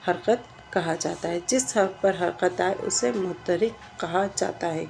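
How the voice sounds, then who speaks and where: A woman's voice: lowish voice, vocal fry, a little mellow, faint music behind. A woman teaching a grammar lesson, explaining step by step and asking questions that she then answers herself. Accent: Indian Urdu.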